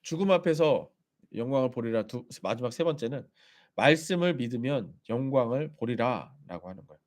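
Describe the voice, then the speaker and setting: Animated Korean-language preacher, lively pitch. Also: male voice, normal speed. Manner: animated preaching, acting out quoted voices. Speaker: pastor. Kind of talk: sermon.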